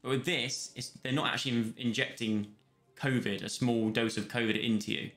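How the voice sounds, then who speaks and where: A man's voice: medium pitch, steady tone, normal speed, a bit bright. A young man chatting casually on a live stream, rambling between topics and thanking viewers. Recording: roomy sound with faint music.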